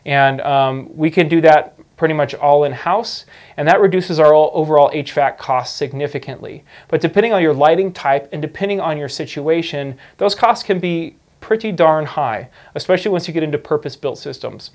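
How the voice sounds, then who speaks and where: A man's voice: fairly high pitch, moderate pace, hardly any pauses. A man in his thirties explaining a farming topic to camera in a studio, talking conversationally with frequent fillers and restarts on a lapel mic. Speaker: indoor farming educator.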